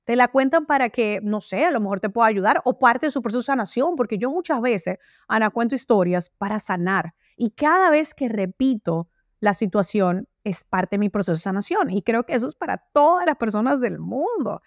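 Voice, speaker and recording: Lively dry-voiced woman storyteller. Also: on the high side, fairly quick, dry recording. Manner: animated storyteller, acts out voices. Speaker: guest. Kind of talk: interview conversation.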